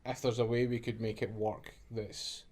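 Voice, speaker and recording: Mellow coach telling stories. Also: male voice, on the low side, level tone, normal speed. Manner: easygoing storyteller, often laughing. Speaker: head coach, podcast guest. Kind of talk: casual interview chat.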